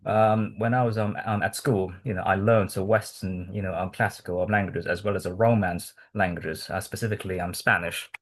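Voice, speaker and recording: With a low-pitched voice and steady tone, a native Cantonese speaker from Hong Kong delivers an academic presentation to his research group. He pauses a lot, saying um and starting over repeatedly.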